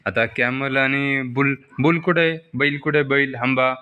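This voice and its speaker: A man chatting playfully with a small child over toy animals at home, coaxing and full of excited exclamations. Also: mid-range voice, a little slow, clean tone, muffled recording. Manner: animated, exclamatory, coaxing, with frequent "arey" and "baapre". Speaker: adult playing with a small child. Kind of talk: playful chat with a toddler.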